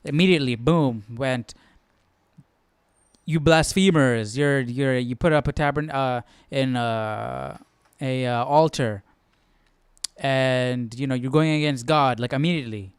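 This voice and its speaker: Unhurried and clear, with a resonant medium-pitched voice, a Bible study host offers relaxed, off-the-cuff remarks, conversational and questioning, with some repeated phrases. It's a clean studio recording with no room sound.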